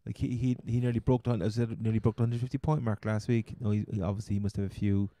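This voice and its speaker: With a lowish, level, mellow voice and a quick pace, the Cork-accented host rambles through casual fantasy football commentary, often repeating himself. There's no echo.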